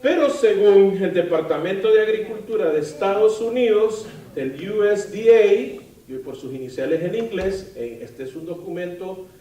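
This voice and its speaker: A man preaching a sermon as pastor, lively, asking the congregation questions and adding light humor. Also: high-pitched, normal speed, hardly any pauses. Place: church sanctuary. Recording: roomy, from far off the mic.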